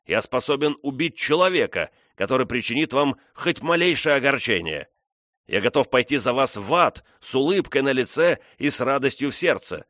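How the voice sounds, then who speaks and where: A man reading the part of a blunt, gruff old frontiersman in an audiobook. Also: medium pitch, very animated, moderate pace, a bit bright, no room sound, clean studio sound, voice pushed up. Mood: devoted.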